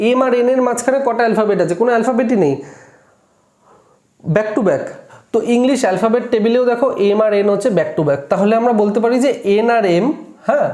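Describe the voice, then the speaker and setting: A man's voice: high-pitched, a little mellow. A man teaching a class at a board, counting aloud step by step and checking his work. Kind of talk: classroom lesson. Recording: echoey room.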